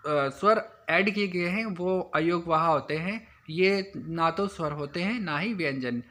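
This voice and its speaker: A man teaching an exam-prep grammar lesson, dictating notes slowly and repeating each point. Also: a little high, pushed and bright. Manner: slow and repetitive, dictating each point twice.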